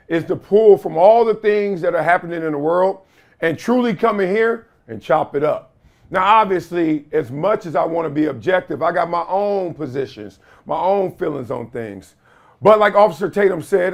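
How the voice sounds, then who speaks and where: A male podcast host with a high voice and lively, swinging intonation talks straight to viewers. He is casual and slangy, delivering opinions like stories with plenty of emphasis. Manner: conversational, slangy, emphatic storytelling.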